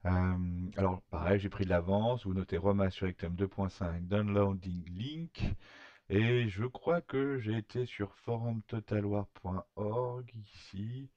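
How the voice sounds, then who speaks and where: Low-voiced man, hesitant tutorial. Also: fairly even intonation, measured pace, hardly any pauses, a little mellow, no echo, dull audio. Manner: hesitant, many fillers and restarts. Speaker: tutorial maker. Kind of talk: screen-recorded software tutorial.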